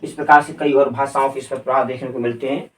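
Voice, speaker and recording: A man's voice: medium pitch, fairly even intonation, quick pace, roomy sound, far from the mic. A man gives a grammar lecture in a mid-range voice. He spells words out letter by letter and keeps asking the class questions. He is recorded from a little way off the microphone. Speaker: grammar teacher.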